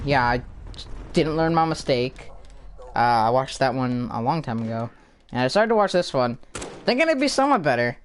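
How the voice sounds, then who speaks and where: A man's voice: fairly high pitch, slight background noise. A man talking casually to his viewers in a rambling, sarcastic vlog, swearing often and stumbling over his words. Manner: many fillers and restarts. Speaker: YouTuber.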